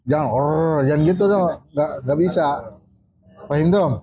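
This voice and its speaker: A man teaching a casual study circle, drawling out recitation examples slowly and often checking that his students understand. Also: on the high side, dark tone. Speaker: religious teacher.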